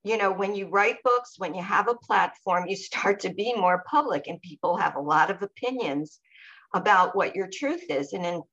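A woman co-hosting a podcast, sharing her personal experience in a reflective, measured way and pausing to search for words. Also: mid-range voice, animated, a bit bright, highs cut off. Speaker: podcast co-host.

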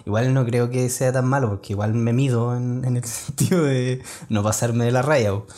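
A man's voice: mid-range voice, steady tone, moderate pace, warm tone. Laughing Chilean young man. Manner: joking, laughs often. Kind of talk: casual chat.

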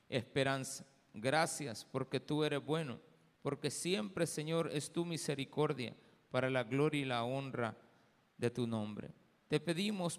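Slow-preaching man in a reverberant hall. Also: fairly high pitch. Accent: Salvadoran Spanish. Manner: slow, deliberate preaching with pauses. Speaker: pastor. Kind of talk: sermon with scripture reading and prayer. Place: church sanctuary.

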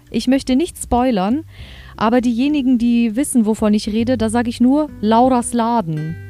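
A woman's voice: fairly high pitch, dark tone. A woman hosting a podcast, chatting enthusiastically as she reviews an audio drama episode. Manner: chatty, enthusiastic, reads quotes aloud. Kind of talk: casual chat.

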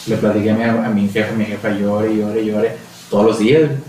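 A man's voice: fairly low pitch, little pitch movement, a little fast, a little mellow. Mexican guy rambling through a story w lots of slang fillers, sounds far from the mic, echoey room. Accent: Mexican Spanish. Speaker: podcast co-host. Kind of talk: casual chat. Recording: roomy echo, distant mic, faint noise.

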